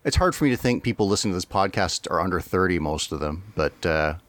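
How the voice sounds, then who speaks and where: A man's voice: low-pitched, expressive, fast, a bit bright, no room sound. A man co-hosting a podcast, chatting casually and rambling with frequent laughs and restarts. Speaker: podcast co-host.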